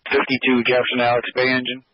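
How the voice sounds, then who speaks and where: A man's voice: medium pitch, monotone, fast, dry recording. A man working as an emergency dispatcher, making urgent fire and rescue calls over two-way radio in a procedural way, repeating details. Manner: procedural, repeats addresses and calls, reads out times. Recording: muffled lo-fi emergency radio transmission.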